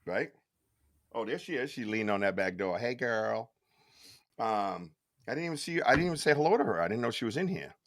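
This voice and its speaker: A man hosting a casual live stream, chatty and excitable, laughing often and swearing casually. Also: medium pitch, fast. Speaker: podcast host on a live stream.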